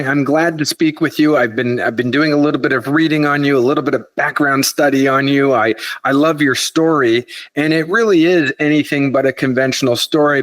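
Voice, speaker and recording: A man hosting a podcast interview, halting and repeating words as he builds his questions. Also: medium pitch, fairly bright tone, dry recording. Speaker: podcast host. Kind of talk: interview conversation.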